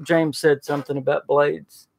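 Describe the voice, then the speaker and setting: A man with an Arkansas accent hosting a casual gaming podcast, excitable and full of fillers. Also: a little high, moderate pace, vocal fry. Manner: excitable, hesitant with many fillers. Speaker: podcast host.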